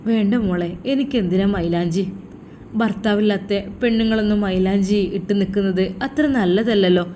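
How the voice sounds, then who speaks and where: A woman doing a sad, gentle elder sister. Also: mid-range voice, steady tone, normal speed, a little hiss or hum, natural voice. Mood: sorrowful. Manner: soft, resigned, sorrowful.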